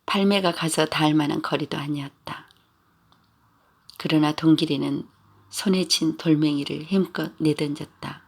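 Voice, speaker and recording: A man narrating a story in a steady, even storytelling manner. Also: a little high, normal speed, vocal fry.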